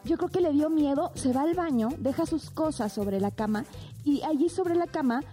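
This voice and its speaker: A woman's voice: high voice, expressive, normal speed, mellow, faint music behind. A young Mexican woman telling a dramatic personal story in a casual podcast chat, addressing listeners directly. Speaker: podcast co-host.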